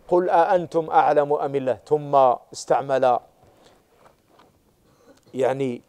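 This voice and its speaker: This Quranic exegesis teacher has a fairly high, slightly mellow voice with a clear, resonant tone. He repeats and stresses key words, often posing rhetorical questions to make sure his students follow.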